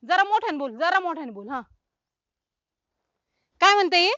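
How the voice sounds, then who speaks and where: An actress playing a loud, bossy village woman who talks in a rustic, scolding way. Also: very high voice, expressive, normal speed, no room sound, exaggerated voice. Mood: bossy, puzzled. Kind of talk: comic web film acting. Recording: dull, dry film sound.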